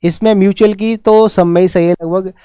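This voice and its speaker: Speaking with a Hindi accent, a male English teacher hurries his class through exam prep, urging quick replies. His high, smooth, clear voice has a dark tone and a fairly even intonation, and the close, dry recording has no room sound.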